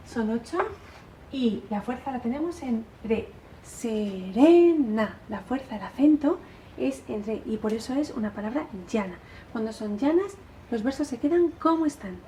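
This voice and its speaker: A woman teacher gives a patient, encouraging lesson to her pupils, checking in with "¿vale?" and chanting verses slowly to count their syllables. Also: sits high, warm tone, slight background noise. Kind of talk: recorded literature lesson for pupils.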